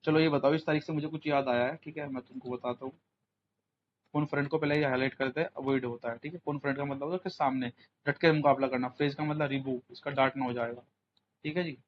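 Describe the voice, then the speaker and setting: A man's voice: mid-range voice, steady tone, quick pace. A young man teaching English vocabulary for an exam, chatting in Hindi mixed with English words and quizzing his students. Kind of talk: exam coaching lesson. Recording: muffled lo-fi audio, faint room noise.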